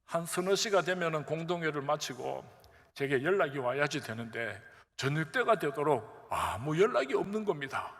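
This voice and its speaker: A male pastor preaches a sermon, telling a story in a lively way and acting out the quotes. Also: fairly high pitch, normal speed. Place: church sanctuary. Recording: echoey church hall.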